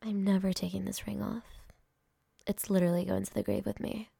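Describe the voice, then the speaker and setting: A young woman whispering softly and affectionately to a partner in an ASMR roleplay, speaking close to the microphone. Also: medium pitch, level tone, fairly quick, vocal fry, husky, dry recording. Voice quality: soft whispering, intimate and affectionate. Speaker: girlfriend in a roleplay.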